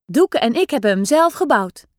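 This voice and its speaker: A woman's voice: sits high, sing-song, normal speed, no echo, clean studio sound. A woman voicing a cheeky, bossy young boy in a read-aloud storybook. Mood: indignant.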